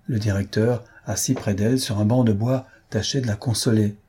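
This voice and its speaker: A man reading a literary story aloud in a measured way, phrase by phrase. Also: fairly low pitch, steady tone, dark tone, breathy edge. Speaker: narrator.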